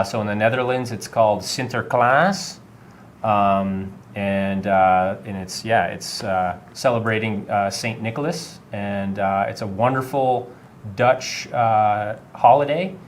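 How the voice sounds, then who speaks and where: A man's voice: on the low side, slight background noise. Chatty middle-aged man from Vermont. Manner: friendly, many filler uhs. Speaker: high school technology teacher. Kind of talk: casual interview answers.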